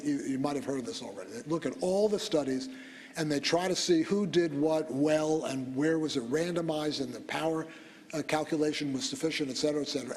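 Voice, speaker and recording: A man giving a medical school lecture in a conversational, digressive way, with fillers and self-corrections. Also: on the high side. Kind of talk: classroom lecture. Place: lecture hall. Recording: lecture hall with long reverb and faint noise.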